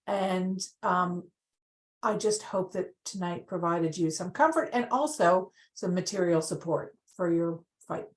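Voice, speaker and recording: A woman giving a heartfelt, steady message of support over a video call. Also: fairly low pitch, measured pace, reverberant.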